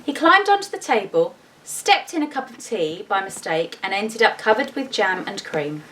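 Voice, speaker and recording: Her mid-range, slightly bright voice has a sing-song lilt as this teacher reads a picture book to children at a moderate pace. She delivers the story expressively, breaking off for casual, chatty comments as she holds up the illustrations, all picked up by a far-off mic with faint noise behind.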